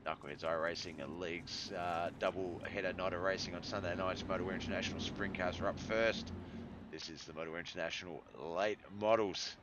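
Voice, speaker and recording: A man's voice: low voice, fairly even intonation, fairly quick, highs cut off, noisy background. A man calling sim racing play-by-play in a laid-back, rambling way. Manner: laid-back, rambling, yawning between calls. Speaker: race commentator.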